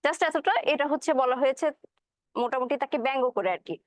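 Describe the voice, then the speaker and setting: A woman's voice: sits high, animated, no room sound. A woman teaching a class, explaining a poem and its pronunciation, asking questions and answering them herself. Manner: recites verse slowly. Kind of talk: classroom lecture on poetry and pronunciation.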